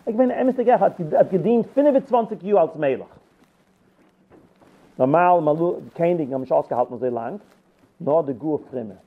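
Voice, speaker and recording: Over a tinny, phone-like line, a Torah teacher retells a Bible story in a Yiddish-flavored lesson, acting out the quotes and restarting frequently. He speaks in a slightly high, animated voice at a moderate pace, with long pauses.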